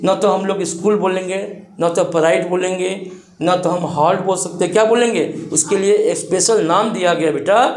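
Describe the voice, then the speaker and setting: A man teaching an English grammar lesson to students in a classroom. He drags out the English phrases slowly and keeps checking in with tag questions. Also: high voice, fairly even intonation, echoey room, slight background noise, poor audio.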